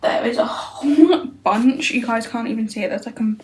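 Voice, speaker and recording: A woman's voice: on the high side, normal speed, darkish tone, echoey room, a little hiss or hum, poor audio. A young woman vlogging casually from a bedroom, rambling through her plans with lots of fillers. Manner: rambling, filler-heavy, thinking aloud. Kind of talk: casual vlog chat. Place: bedroom indoors.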